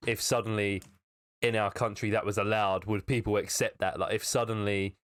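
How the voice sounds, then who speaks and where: A chatty man talking loosely on a podcast, his voice sitting a bit low. He wanders through his thoughts and laughs often along the way. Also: little pitch movement, normal speed, smooth. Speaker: podcast co-host. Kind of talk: casual chat.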